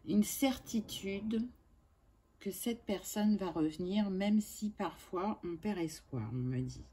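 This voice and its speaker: A woman doing a spiritual tarot and oracle card reading for her channel, talking gently with many pauses and fillers. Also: mid-range voice.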